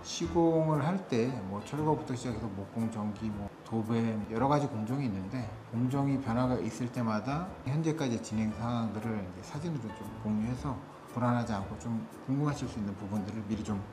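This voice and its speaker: A man who heads an interior design firm, explaining renovation details in a brisk, technical, matter-of-fact way. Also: mid-range voice, roomy sound, over music. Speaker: interior design company head.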